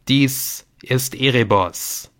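Guy doing a spooky game talking to the player, slow and loud, laying down the rules. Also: medium pitch. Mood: solemn commanding. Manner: slow, loud, solemn pronouncements. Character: commanding voice of a mysterious computer game.

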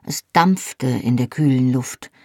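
A husky female voice tells a story in first person with measured, lightly dramatized delivery. The studio recording is close and very dry. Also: a bass voice, dark tone, dry recording. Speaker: audiobook narrator. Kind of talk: scripted first-person audiobook narration.

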